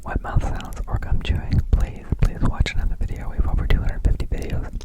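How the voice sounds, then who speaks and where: A man whispers ASMR ear to ear close to the mic, repeating words and phrases, with wet mouth sounds and gum chewing. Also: a little fast. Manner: whispers throughout. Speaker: ASMR channel host.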